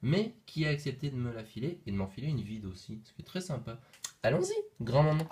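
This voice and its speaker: A man's voice: medium pitch, lively intonation, fast, a little mellow. A young man talking casually while unboxing toys on camera, playful and jokey, rambling with fillers and asides. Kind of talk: casual chat.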